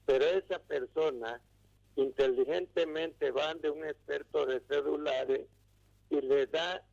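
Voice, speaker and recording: Casting: gravelly caller on a dull phone line, slow and halting. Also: male voice, a little high, a little mellow. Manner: pauses mid-phrase, restarts words. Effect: heard over a phone line. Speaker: radio call-in listener. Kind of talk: slow, halting storytelling to a legal expert. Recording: dull phone call on radio.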